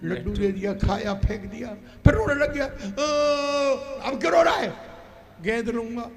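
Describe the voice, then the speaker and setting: A man playing a saint who tells a lively parable, acting out a crying child, and gently refuses a request. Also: very high voice, a little slow, faint music behind. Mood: storytelling. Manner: animated storyteller, acts out voices. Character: wise saint, storytelling elder. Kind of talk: folk stage play.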